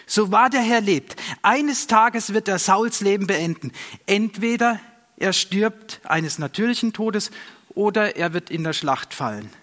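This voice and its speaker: A man's voice: high voice, animated, a little slow, fairly bright tone, voice pushed up. A man voicing a bold, earnest young warrior in a storybook reading, speaking in a raised, reproachful voice. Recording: long reverb.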